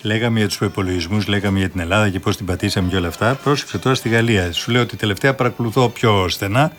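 A man's voice: fairly low pitch, a bit bright, faint music behind. A man co-hosting a morning radio show, explaining economic news in a casual, insistent way. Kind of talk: casual radio talk on current affairs.

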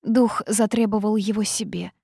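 A woman's voice: mid-range voice, moderate pace, vocal fry, slightly rough, no echo, clean studio sound, pitched above the performer's own voice. Woman voicing a timid, fervent young cave girl. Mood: fearful. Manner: eager, fearful, excitable.

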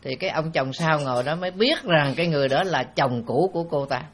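A man's voice: fairly high pitch, brisk, husky. A man, a Buddhist monk giving a rambling, conversational dharma talk full of anecdotes and fillers.

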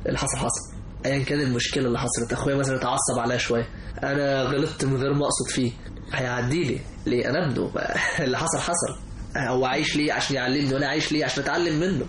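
A man's voice: mid-range voice, steady tone, rapid-fire. A young man with an Egyptian Arabic accent chatting casually and emphatically, often repeating his phrases. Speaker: guest. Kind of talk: casual chat. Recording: roomy echo, faint background noise.

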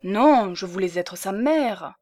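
A woman's voice: medium pitch, animated, slow pace, a little mellow, dry recording. A bitter, jealous older spinster speaks with a fierce, vengeful edge, as a woman reads her in an audiobook. The voice sits in an ordinary middle range. The recording is close and dry, with no room sound. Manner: intense, vengeful undertone. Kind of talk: audiobook reading.

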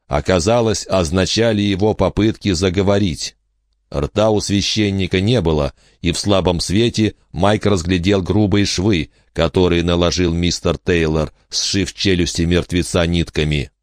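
Male narrator, deep low voice, dry close sound, measured steady horror storytelling. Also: no room sound. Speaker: audiobook narrator. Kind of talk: scripted horror audiobook narration.

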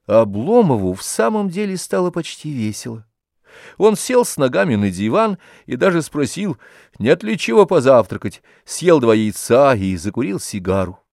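A man narrating an audiobook of a classic novel in a measured storytelling manner. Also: mid-range voice, very animated, gravelly, darkish tone, no echo, studio quality.

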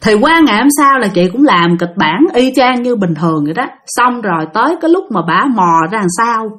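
Woman, casual ghost-story narration, animated pitch, chatty. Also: fairly quick. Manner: chatty, addresses listeners directly.

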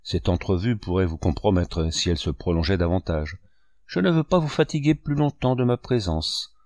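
A man's voice: low voice, lively intonation, moderate pace, darkish tone, no echo, studio quality. A man reading a novel aloud, voicing a heartbroken and bitter young male artist. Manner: emotional, bitter.

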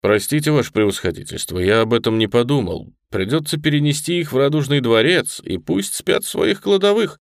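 A man puts on a fawning male timekeeper from a storybook, excitable and pleading. His voice bounces up high on exclamations and swings widely. The sound is dry and close, with no room around it. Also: a little fast, creaky, few pauses, no echo. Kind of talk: audiobook character reading.

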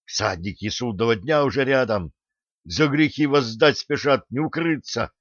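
A man voicing a dazed, feverish elderly pensioner in an audiobook, giving hoarse urgent warnings. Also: medium pitch, normal speed, no room sound, lo-fi sound, natural voice.

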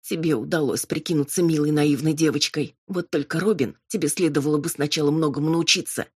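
A woman reading an audiobook and voicing an angry, betrayed young cousin with a sharp, raised, accusing voice. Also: deep voice, a little fast, breathy edge, no room sound, studio quality. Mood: furious.

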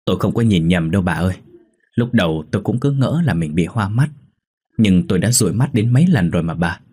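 Một người đàn ông lồng tiếng ông chồng quê lớn tuổi cứng đầu, nói ngắt quãng lắp bắp khi hoảng sợ. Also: male voice, low-pitched, lively intonation, warm tone, slightly rough. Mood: earnest. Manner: halting, stammering whispers when terrified. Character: elderly village husband, stubborn, easily frightened.

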